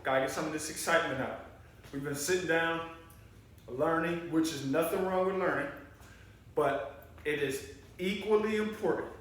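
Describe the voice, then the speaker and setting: A man's voice: fairly high pitch, moderate pace, pauses often, a bit bright. A man teaching an elementary gym class by video, cheering kids on through exercises and calling himself by name in the third person. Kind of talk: leading a video workout class. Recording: roomy echo, voice from a distance.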